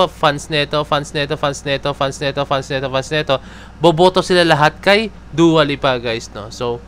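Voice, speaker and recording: A talkative Filipino man giving casual fan commentary, constantly tagging his sentences with filler words. His voice sits a bit high and sounds bright. A faint hiss runs under the recording. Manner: chatty, constantly adds filler tags to sentences.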